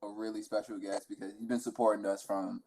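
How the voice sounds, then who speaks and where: A young man co-hosting a casual podcast, teasing a friend in an animated way. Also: on the low side, quick pace, a crowd in the background. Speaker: podcast co-host. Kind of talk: casual joking chat.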